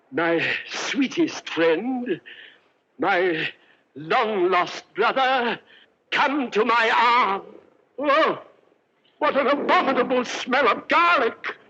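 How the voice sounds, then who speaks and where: An actor playing a pompous but cowardly Roman emperor who speaks grandly while hesitating nervously, in 1950s film acting. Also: male voice, sits high, animated, slow pace, a bit bright, a little hiss or hum, full character voice. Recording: muffled old film soundtrack.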